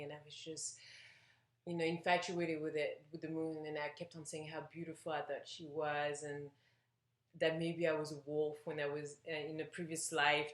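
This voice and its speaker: A woman's voice: low voice, echoey room. A woman from Belgium chatting casually to camera, telling a personal story with lots of fillers and restarts. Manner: hesitant, rambling, with many fillers and restarts. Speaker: vlogger.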